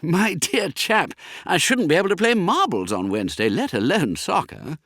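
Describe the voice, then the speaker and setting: A man's voice: on the high side, big pitch swings, moderate pace, fairly bright tone, no room sound, studio quality, pitched above the performer's own voice, exaggerated voice. A man voicing a cheerful schoolboy who has hurt his knee, groaning and howling in pain. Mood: rueful.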